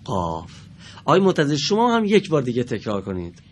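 A man teaching a televised reading lesson to children in a studio, patiently and slowly sounding out each word for his pupils. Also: mid-range voice, huge pitch swings.

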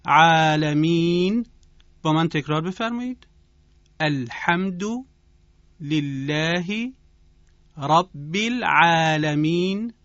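A man teaches Quran recitation rules on a radio program, speaking in a formal, instructive way and chanting example phrases to demonstrate. His voice sits fairly high, and the recording is dry and dull in tone. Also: no echo. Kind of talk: radio tajweed lesson.

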